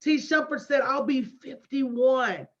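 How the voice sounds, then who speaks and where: A late-40s woman speaks slowly in a high voice, coaching a live online audience as the host of a motivational business livestream. Her style is emphatic and folksy, full of preacher-like repetition and direct address. It's captured in dull, lo-fi livestream sound.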